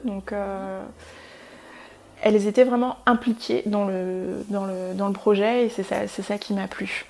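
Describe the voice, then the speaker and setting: A woman from France talks about her skincare brand in a relaxed interview, at a medium pitch. She often hesitates and restarts her sentences, with plenty of fillers. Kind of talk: casual interview answers.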